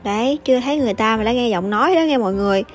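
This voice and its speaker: A young woman with a slightly high voice talks very fast as a gaming YouTuber, teasing and laughing often while commenting on her gameplay. Loud background music plays under her voice.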